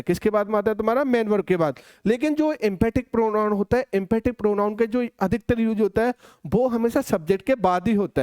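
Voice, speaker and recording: A man with an Indian accent teaching an exam-prep grammar lesson, asking and answering his own questions and slowing down to dictate example sentences. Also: high voice, darkish tone, clean tone, dry recording, clean studio sound.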